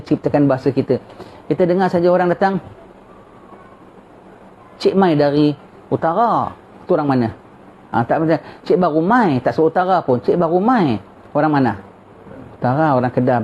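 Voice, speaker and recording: A man giving a colloquial religious lecture, reading a text aloud slowly and then explaining it. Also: on the high side. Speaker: religious teacher. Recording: dull, lo-fi, faint background hiss.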